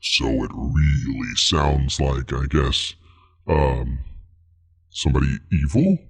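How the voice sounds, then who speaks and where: A man talking through a very deep pitch-down effect that makes him sound evil, hesitating as he demos it. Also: big pitch swings, slow, gravelly, slightly rough, exaggerated voice. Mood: casual. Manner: hesitant, casual demo talk.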